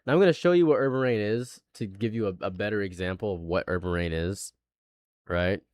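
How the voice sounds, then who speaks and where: A man's voice: fairly low pitch, brisk, darkish tone, no echo, studio quality. A man in his late twenties, a live streamer chatting casually, rambling and repeating himself, laughing often. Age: late 20s.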